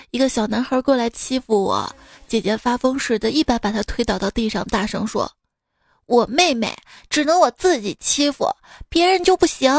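A woman's voice: fairly high pitch, vocal fry, dry recording, studio quality. Playful woman telling funny stories. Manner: playful, chatty, acts out quoted lines. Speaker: podcast host. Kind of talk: comic anecdote storytelling. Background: faint background music.

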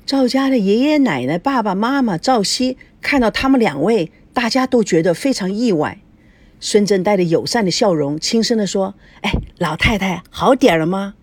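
A woman reads a family story aloud in a steady, plain manner. Her voice is breathy with lively pitch. The recording is dry and close. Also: moderate pace, no echo. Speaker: narrator. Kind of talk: storybook narration.

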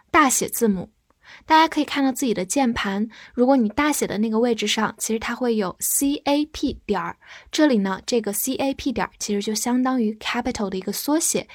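Speaking at a fairly high pitch, a native Chinese speaker guides learners through English vocabulary, spelling each word out letter by letter and reading slowly along with them. The sound is clean studio audio without echo.

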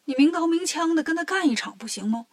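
A woman voicing a timid, fretful male monk in a storybook reading, speaking softly and with a whimper. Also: very high voice, animated, fast talker, voice pushed up. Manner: soft, whimpering.

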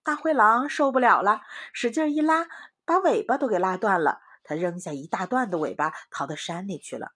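A woman in her thirties telling a children's bedtime story in a gentle, expressive, singsong way. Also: mid-range voice, fairly quick, husky.

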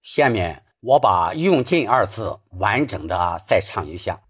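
A man teaching Peking opera singing, taking each point of technique in turn. His voice is a little husky, and his pitch moves a lot as he speaks. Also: sing-song, measured pace, fairly bright tone. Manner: patient, explains technique step by step. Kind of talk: spoken singing lesson.

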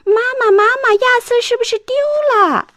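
A woman voicing an excitable, cheeky little girl in a children's storybook reading, with a shrill, squealing delivery. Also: normal speed, no room sound, clean studio sound, heavily acted. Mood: excited.

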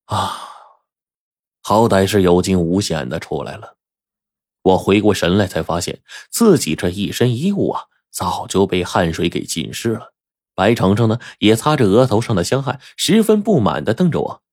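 A man narrating a first-person adventure audiobook in a dramatic, animated manner. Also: sits low, moderate pace, no room sound, studio quality.

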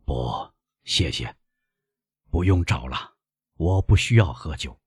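A man reading an audiobook, voicing a frail, gentle old father who speaks weakly and softly, at times nearly whispering. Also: very deep voice, animated, slow pace, breathy edge, no room sound, studio quality, full character voice. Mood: weary. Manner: weak, soft-spoken, sometimes whispered.

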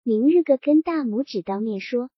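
An earnest, loyal young bandit who answers quickly and speaks from the heart, as a woman reading the story puts him on. The voice is husky and rather high. The recording sounds dull and lo-fi. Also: animated, no echo.

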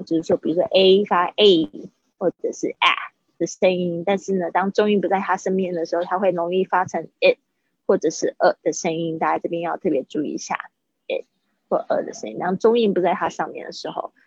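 Chinese-speaking woman teaching english words, kinda low husky voice, dry muffled mic, repeats stuff slow. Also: a little mellow, dry recording. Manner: chatty, repeats words slowly to model pronunciation. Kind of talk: livestreamed vocabulary lesson.

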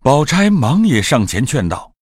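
A man narrating a classic story in an audio drama with a lively storytelling manner. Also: mid-range voice, a little slow, breathy edge, dry recording, studio quality.

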